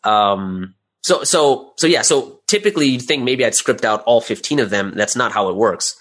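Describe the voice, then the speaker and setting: This man's mid-range voice is expressive and a bit bright, moving at a moderate pace. Interviewed as a guest, the creator explains how he works step by step, keeping it conversational and dropping in rhetorical questions.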